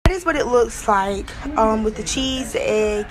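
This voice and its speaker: A woman's voice: a little high, expressive, moderate pace, rough recording. A young woman giving a casual step-by-step cooking demonstration in a small home kitchen, talking to a phone camera. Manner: chatty, step-by-step, repeats "we're gonna".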